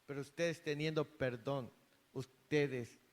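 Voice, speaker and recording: A man voicing a tormented, bitter demon spirit that shouts, in a hall with long reverb. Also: steady tone, slow pace, close to an everyday voice. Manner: loud, raised pitch in quotes.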